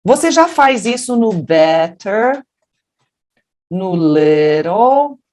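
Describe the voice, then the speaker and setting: A woman from Brazil teaching English pronunciation, explaining patiently and then modeling English words in a deeper voice. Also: very animated, drawn-out words, darkish tone. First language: Portuguese. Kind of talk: pronunciation lesson.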